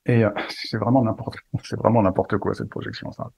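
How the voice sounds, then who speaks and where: A man's voice: fairly low pitch, fairly even intonation, brisk, vocal fry, darkish tone, slightly rough. A man telling a personal story in a casual, playful and self-mocking way. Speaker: spiritual medium and storyteller.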